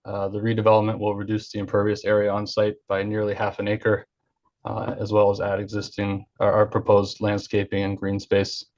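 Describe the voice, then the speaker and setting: A man presenting an engineering project over an online video call, hesitant and full of fillers. His voice sits on the low side and stays flat. The call audio is dull and lo-fi. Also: fairly quick. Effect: heard over an online video call. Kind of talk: formal project presentation at a public hearing.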